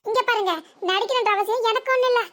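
A woman's voice: extremely high pitch, steady tone, a bit bright, faint music behind, pitched above the performer's own voice. A woman voicing an indignant young village wife in a cartoon, with a southern Tamil Nadu accent. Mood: defiant. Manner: indignant, fast retorts.

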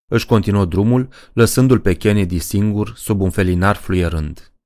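Man, audiobook narrator, horror story, measured reading, deep voice. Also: darkish tone, dry recording, clean studio sound.

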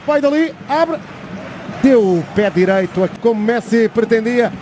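A man with a European Portuguese accent giving fast, dramatic, excited football play-by-play commentary with urgent calls. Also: very high-pitched. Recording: clear outdoor stadium noise behind. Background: stadium ambience.

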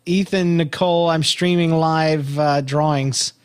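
A man's voice: on the high side, steady tone, measured pace, clear, resonant tone. Joking man hosting a chat show. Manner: joking, laughs often. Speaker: podcast host. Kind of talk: casual comedic chat.

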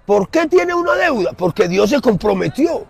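A middle-aged man with a Colombian Spanish accent preaching emphatically in an outdoor city plaza, swinging from loud to soft. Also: extremely high pitch, sing-song, moderate pace, vocal fry, slightly rough. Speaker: street preacher. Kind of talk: impassioned street sermon.

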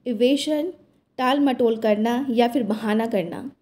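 A woman teaching vocabulary, reading each term and then its meaning in an even, measured way. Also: fairly high pitch. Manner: reads word lists, term then its meaning, evenly.

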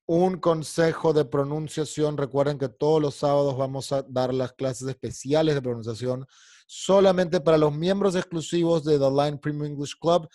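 A man's voice: a little high, dark tone, no room sound, clean studio sound. A man teaching an online English class, explaining in Spanish and drilling pronunciation by singing along to lyrics. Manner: irritated, scolding a heckler.

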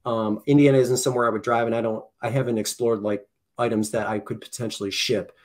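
Talking fast in a level, mid-range voice, a thirtysomething man chats casually as a podcast guest on a video call. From his home room with posters, using a headset and desk mic, he rambles and keeps restarting and correcting himself.

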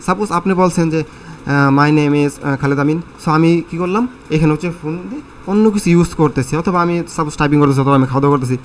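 A man's voice: on the high side, fast, a little hiss or hum. A man teaching an English listening lesson, explaining in a conversational way with many fillers and questions to his students.

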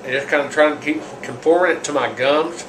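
A man's voice: a little high, brisk, far from the mic. A man talking with a mouthguard in his mouth, explaining a product in a casual how-to vlog, rambling with many fillers. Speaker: product reviewer. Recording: echoey room with background noise.

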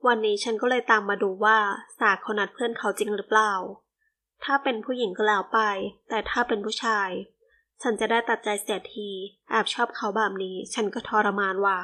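A woman's voice: on the high side, fairly even intonation, brisk, pushed and bright. A woman reading the part of a teasing, easygoing young playboy in an audiobook.

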